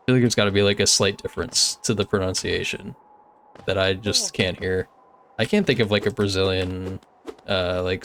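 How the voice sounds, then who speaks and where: Young male game streamer, relaxed chat with viewers, slightly low voice, faint hiss behind. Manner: chatty and easygoing, many filler "like"s. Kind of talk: casual gameplay commentary, reading chat.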